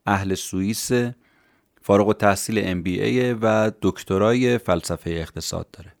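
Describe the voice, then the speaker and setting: Deep-voiced guy doing a calm book podcast, dry close sound, talks right to you. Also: dry recording. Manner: calm, explanatory, addresses listeners directly. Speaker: podcast host summarizing books. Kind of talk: scripted podcast narration.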